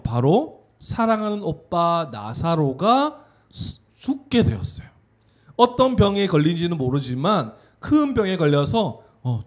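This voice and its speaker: A man giving an animated children's sermon, telling a story and having the kids repeat words after him. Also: fairly high pitch. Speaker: children's pastor.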